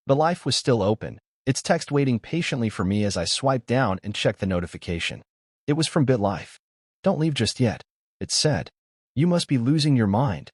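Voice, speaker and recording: A man reading a scripted horror story aloud as narrator, with a lively, expressive delivery. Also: lowish voice, breathy edge, no room sound, studio quality.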